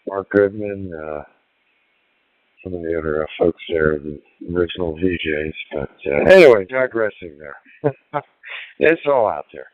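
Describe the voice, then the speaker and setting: A man's voice: deep voice, animated, a little slow, long pauses, no room sound. A man chatting on a ham radio link, rambling and laughing between remarks. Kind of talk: casual radio chat. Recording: narrow tinny radio audio, dry.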